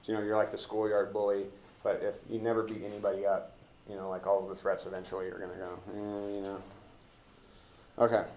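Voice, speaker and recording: In an indoor classroom, an American man leads an informal discussion of a play, rambling and joking as he feels his way along. His voice is lowish, monotone and a little mellow, and his speech is halting, rambling and colloquial. The recording carries a roomy classroom echo and background hiss.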